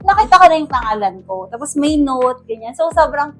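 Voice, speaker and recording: A woman's voice: high-pitched, brisk, faint music behind. A young Filipino woman animatedly telling the story of her proposal, acting out what she said. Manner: animated, acts out her own quoted lines. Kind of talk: casual storytelling.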